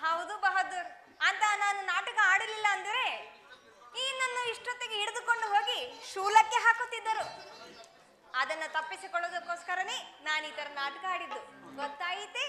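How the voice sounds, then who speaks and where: Woman playing a crafty disguised soldier, high and commanding, live village stage sound. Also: moderate pace, bright, forceful tone, a faint crowd. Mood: explaining. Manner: teasing, commanding stage delivery. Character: clever young woman disguised as a bossy soldier. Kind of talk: live folk stage drama. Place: open-air village street stage. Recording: echoey open-air stage, band music behind.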